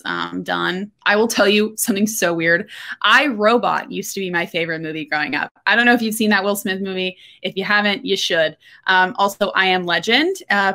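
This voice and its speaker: In a casual solo talk to camera, a young woman from Texas speaks into her webcam from a room in her home. With a bright, forward, mid-range voice, she talks candidly and tosses in quick jokes, much like a golf podcast co-host covering the week's news.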